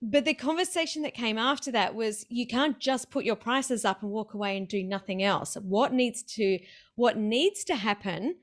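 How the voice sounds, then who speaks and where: A woman hosting a casual interview, chatty and excited, laughing easily as she talks. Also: on the high side, normal speed. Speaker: podcast host.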